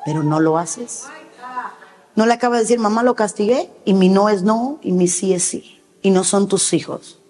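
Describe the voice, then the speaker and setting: A middle-aged woman pastor preaching a sermon emphatically, breaking into sudden high shouts and acted quotes. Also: in a large hall.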